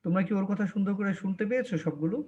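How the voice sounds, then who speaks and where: A young male English teacher with a Bangladeshi accent, lecturing an online class and drawing words out slowly to drill their pronunciation. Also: sits high, a little mellow. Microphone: video call. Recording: dull lo-fi online class audio.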